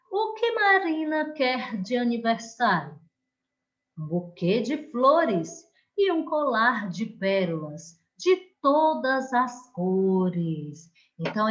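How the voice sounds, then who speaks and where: A Brazilian woman teaching an online lesson to children, stretching out the stressed words and gently coaxing the class to pay attention. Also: mid-range voice, lo-fi sound. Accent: Brazilian Portuguese. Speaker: primary school teacher.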